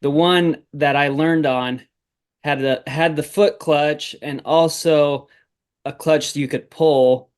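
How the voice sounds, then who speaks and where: A man in his forties, a farmer guest on a podcast, talking in a relaxed, rambling way with many fillers. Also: a little high, slow pace, clear, resonant tone. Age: 40s. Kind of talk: casual interview chat.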